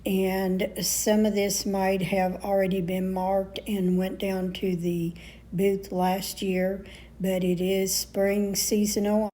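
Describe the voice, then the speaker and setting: A middle-aged woman who vlogs and resells from a booth chats casually in a home vlog, homey and full of little fillers. Her mellow voice sits at medium pitch, and the rough recording has a little hiss or hum.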